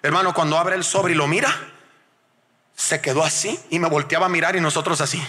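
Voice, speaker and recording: A middle-aged man from Mexico, preaching a testimony sermon as a guest evangelist, calling his listeners "brother" again and again and moving between hushed storytelling and shouted exhortation. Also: a little high, fairly even intonation, brisk. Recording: long hall reverb.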